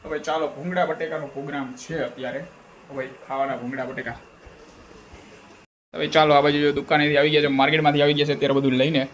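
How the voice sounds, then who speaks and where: A young man talks casually through his daily home vlog. His voice sits a touch high, and his banter is playful and teasing. Faint household noise runs behind him. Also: flat delivery, fast talker, a bit bright, rough recording. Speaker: family vlogger.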